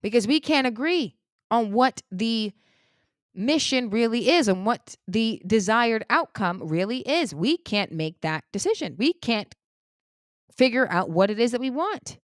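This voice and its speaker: An angry woman delivers her political opinions straight to the camera, building to loud outbursts before dropping to a low grumble. Her voice sits on the higher side and sounds smooth and clear. The mic is close, so the sound is dry with no room in it. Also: very animated, a little slow, no room sound. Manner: heated and indignant, swings between loud outbursts and low muttering. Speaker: political commentator. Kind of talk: opinion monologue.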